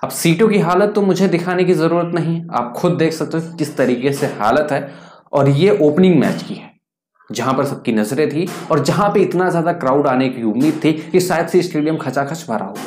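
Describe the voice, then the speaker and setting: A man in his twenties, a cricket news YouTuber, gives opinionated commentary to camera in a fairly high, darkish-toned voice. He is animated and emphatic at a moderate pace, fond of rhetorical questions. He records in a small, echoey indoor room.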